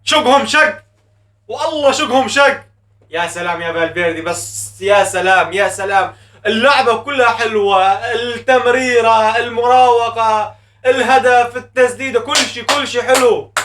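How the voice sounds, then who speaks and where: Excitable high-voiced man reacting to football. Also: moderate pace, distant mic. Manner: excitable, shouts and chants at goals. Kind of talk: live match reaction. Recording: echoey room, voice a bit off mic.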